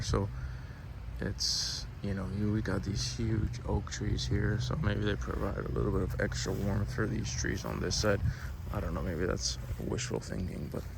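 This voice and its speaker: A Cuban-born man raised in Miami gives an unscripted tour of his backyard fruit garden, chatting casually in a lowish, creaky voice. It's loose vlog narration, recorded outdoors with noisy ambient sound.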